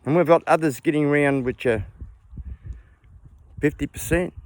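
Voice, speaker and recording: A man's voice: a little high, normal speed, no room sound. An Australian man in his seventies gives a blunt, rambling rant while walking around his small farm. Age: 70s. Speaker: vlogger and hobby farmer. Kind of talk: casual ranting monologue. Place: outdoors on a small farm among animals.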